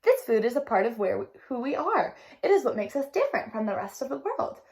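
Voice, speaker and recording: A woman's voice: on the high side, sing-song, fast, darkish tone. A woman voicing a loving, proud grandmother in a storybook read-aloud. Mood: coaxing proud. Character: warm loving Honduran grandmother.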